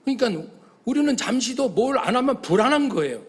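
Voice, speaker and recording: A middle-aged man delivers a sermon from the pulpit. His voice sits high for a man. He preaches with feeling and acts out the voices of the people in his story. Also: brisk. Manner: animated preaching, acting out voices of God and congregants. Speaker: pastor.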